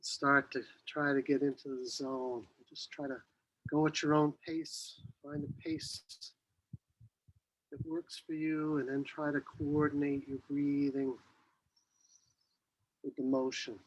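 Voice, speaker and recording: A man teaching qi gong, giving serene, unhurried movement and breathing cues with long pauses. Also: on the high side, flat delivery, rough recording. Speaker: qi gong instructor.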